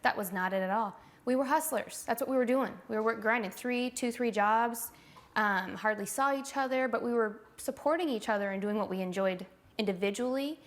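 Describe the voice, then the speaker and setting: A woman's voice: on the high side, a little fast. A woman, the fighter's partner, looking back in a casual documentary interview, with lots of "like" fillers. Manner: reflective, many "like" fillers.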